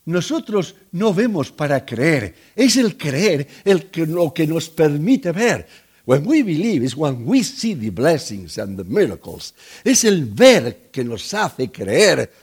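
A male pastor preaches with a husky, slightly high voice. His pitch swings widely as he acts out scenes in different voices. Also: big pitch swings, slow. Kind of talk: sermon.

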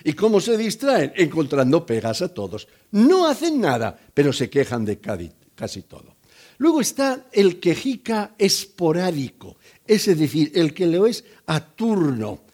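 Older man, sermon, conversational, acts out voices, lively pitch. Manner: conversational, joking asides to the congregation; acts out quoted voices in the story. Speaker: pastor.

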